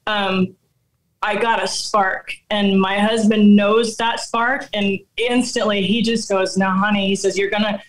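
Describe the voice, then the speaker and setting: A middle-aged woman tells her story in a casual, animated way. She laughs often as she goes, and her voice sits in an ordinary middle pitch. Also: takes it slowly, poor audio. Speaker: guest hunter.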